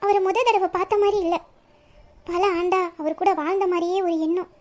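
A woman's voice: extremely high pitch, steady tone, normal speed, a little mellow. A woman voicing a troubled young woman who speaks hesitantly and evasively about her marriage. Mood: confessing. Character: troubled young bride-to-be, secretly in love. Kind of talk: audio story reading.

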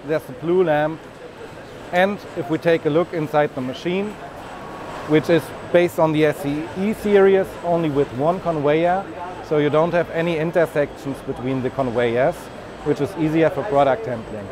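A business development manager in his thirties gives a walking product demonstration in a large, busy trade fair hall, explaining and pointing as he goes. His voice is a little high at normal speed, with crowd noise throughout.

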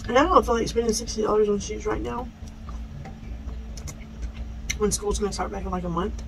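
A woman's voice: mid-range voice, steady tone, fast talker, vocal fry, background noise. A woman vlogger chatting candidly over lunch on a work break, talking while chewing with her mouth full. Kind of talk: casual eat-with-me chat.

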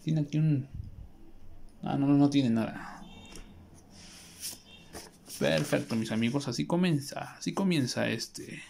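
A man giving a casual drawing tutorial, muttering a relaxed running commentary as he sketches at a desk. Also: medium pitch, a little slow, creaky, long pauses, slight background noise. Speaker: drawing teacher. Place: indoors at a desk, overhead view of paper.

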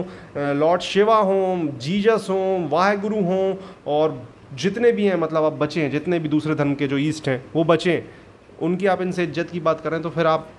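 A man's voice: fairly high pitch, slight background noise. A man hosting a reaction channel who talks to his viewers in rambling, casual commentary full of fillers.

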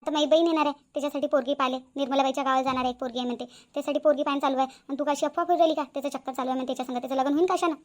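A woman voicing Kankulabai, an indignant village aunt, high and fast. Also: steady tone, natural voice. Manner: indignant, threatening. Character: angry middle-aged village aunt Kankulabai.

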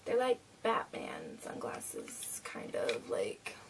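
A young adult vlogger from Canada rambles chattily through a haul video in a small bedroom, filling her talk with fillers. Her voice is bass, slow, creaky, and whispered, its pitch swooping wildly. A webcam at desk distance records her from a distance with faint hiss.

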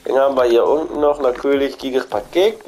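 Fairly quick and somewhat dark in tone, this man's mid-range voice comes through a rough recording with faint music in the background. He hosts a gaming channel and, nursing a cold, wanders an in-game shop chatting loosely, repeating things and musing aloud.

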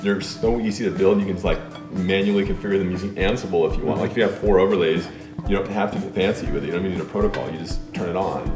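A middle-aged man hosting a casual cooking show in a home kitchen, explaining in a relaxed way. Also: sits low, fast talker, roomy sound, music in the background. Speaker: host.

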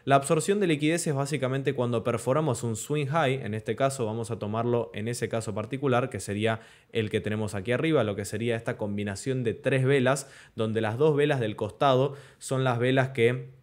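Speaking in a steady, mid-range voice, a young man teaches crypto chart trading through a screen-share tutorial. He often checks in with "¿ok?" and "¿de acuerdo?" and slows down on important terms. A corner webcam captures him within the screen recording.

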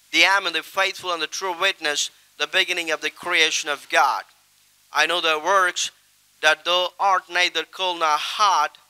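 A man's voice: fairly high pitch, sharp tone, clear, resonant tone, poor audio. A middle-aged man, an evangelist, seated on a stage reciting a long Bible passage from memory into a handheld microphone in a solemn, declamatory way with emphatic rises.

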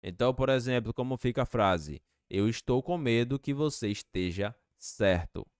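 A man teaching English to Portuguese speakers, slowly repeating each phrase with patience. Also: medium pitch, lively intonation, smooth, dry recording, clean studio sound.

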